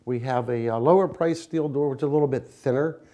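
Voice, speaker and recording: A man's voice: medium pitch, a little fast, dark tone. An American man, a business owner, giving a conversational promotional interview in a plain-spoken, explanatory, folksy way. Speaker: window company owner, interviewee.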